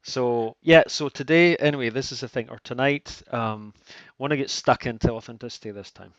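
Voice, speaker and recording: A man's voice: medium pitch, normal speed. Off-mic Scottish man, easygoing. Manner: easygoing, prompting questions. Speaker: podcast co-host. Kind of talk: casual conversation. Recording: dull lo-fi sound, off-mic.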